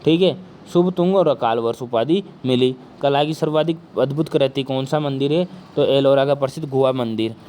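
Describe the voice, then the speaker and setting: A male teacher giving an exam-prep history lecture, with a sore throat and speaking softly, who keeps asking questions and answering them himself. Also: mid-range voice, moderate pace, slight background noise.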